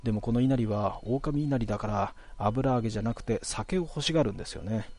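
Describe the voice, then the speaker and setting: A man voicing an old grandmother, speaking slowly and plainly as she explains an offering. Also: mid-range voice, a little mellow, lightly acted. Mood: calm.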